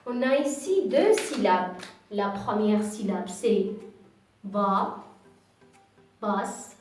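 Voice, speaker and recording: A woman teacher giving a reading lesson to young children, patiently repeating each syllable slowly and clearly. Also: mid-range voice, expressive. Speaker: kindergarten teacher. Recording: echoey room, voice from far off, faint music.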